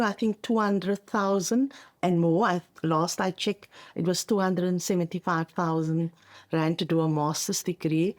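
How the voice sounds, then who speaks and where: A middle-aged coach from South Africa whose mother tongue is Afrikaans talks in a conversational podcast interview, pressing her points firmly and checking in along the way. Her voice is medium-pitched with a darkish tone.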